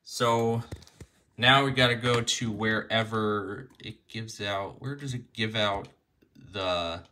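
Hosting an informal, hands-on app demonstration indoors, a man thinks out loud as he goes step by step. His voice is on the low side, slow, pushed, and bright.

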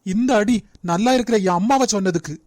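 A woman's voice: medium pitch, a little fast, noisy background, lightly acted. A woman voicing a stern, protective young man in a cartoon, speaking firmly with a Nagercoil Tamil accent. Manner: firm, commanding. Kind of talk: cartoon voice acting.

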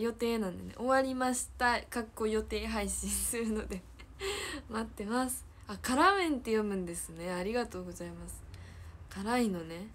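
A teenage girl with a Kansai accent chats on a livestream in a fairly high voice, giggling as she reads viewer comments aloud. She repeats her own phrases in a chatty, playful way. A faint hiss sits under her voice. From Hyogo, Japan. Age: teens. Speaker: idol trainee livestreamer. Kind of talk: casual livestream chat reading viewer comments.

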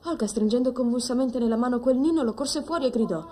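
An actress playing a young woman who reads a story aloud to an older woman, with a measured, expressive delivery. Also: on the high side, close to an everyday voice. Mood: reading aloud. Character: young woman reader, gentle and patient. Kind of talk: film drama, reading a story aloud.

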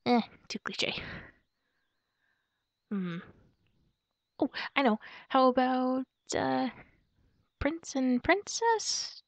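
A young woman plays a playful, excitable werewolf girlfriend shopping for Halloween costumes in an improvised-sounding ASMR roleplay, musing aloud to her partner softly and hesitantly, giggly and cutesy, upbeat. Her exaggerated voice is a little high, in a dull, lo-fi, close, dry recording.

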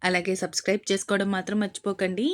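A woman narrating a romantic story serial in a brisk, lively reading. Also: mid-range voice.

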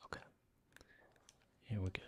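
A man giving soft-spoken ASMR commentary while playing a game, drifting between a hushed whisper and quiet low talk. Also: a little slow. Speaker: ASMR gaming channel host.

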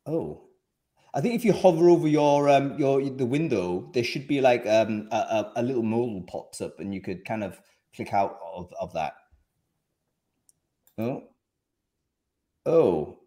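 This male host has a mellow mid-range voice and a measured pace with frequent pauses. Wearing an over-ear headset in his home office, he hosts a live video-call panel in a friendly, chatty way, often restarting sentences and using fillers.

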